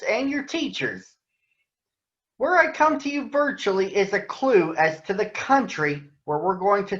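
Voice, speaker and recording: A man with a high, fairly bright voice hosts a virtual picture-book read-aloud for young schoolchildren and their teachers. The recording has a roomy echo and a dull, lo-fi sound.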